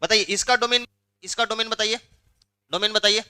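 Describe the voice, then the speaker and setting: Bright, high-pitched math teacher. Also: male voice, fairly even intonation, fairly quick, smooth. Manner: prods students for answers, repeats questions. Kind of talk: interactive classroom lecture.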